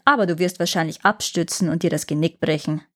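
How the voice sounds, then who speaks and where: A woman's voice: on the low side, quick pace, voice pushed down, lightly acted. A woman reading a fairy tale aloud and voicing an ugly, crooked male dwarf who mocks and grumbles. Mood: grumbling. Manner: grumbling, mocking.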